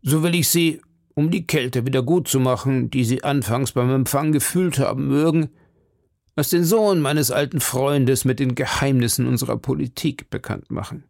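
A man reads as a stern old musketeer captain with a gravelly edge, set a little higher than the narration. He weighs each word slowly and lectures in a measured way. The sound is dry and close. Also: darkish tone, dry recording, natural voice. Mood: lecturing. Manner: measured, lecturing, drops to murmurs. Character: stern shrewd older male captain of musketeers. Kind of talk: audiobook reading.

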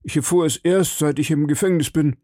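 A man voicing a timid, frightened shopkeeper who pleads anxiously in a raised, higher voice. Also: brisk, dark tone, no echo, studio quality, natural voice.

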